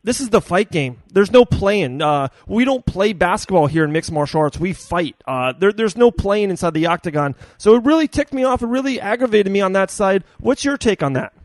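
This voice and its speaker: A man with a high-set voice hosts a casual sports podcast. He talks emphatically, repeating words to drive a point home, and the sound is dry and close. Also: lively intonation, normal speed, hardly any pauses, no echo. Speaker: podcast host. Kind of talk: casual sports talk interview.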